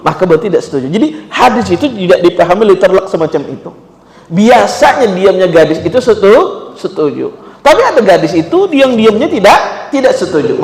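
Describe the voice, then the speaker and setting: A man with a Banjar Indonesian accent preaching in an animated, conversational way, with local phrases. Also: high-pitched. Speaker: Islamic preacher. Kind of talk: sermon. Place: prayer room. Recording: echoey prayer room, long reverb.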